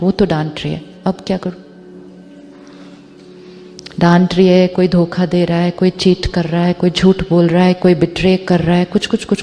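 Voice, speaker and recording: A woman spiritual teacher giving a talk to an audience, mixing Hindi and English, slowing down on the English phrases and asking rhetorical questions. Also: on the low side, dark tone, in a large hall.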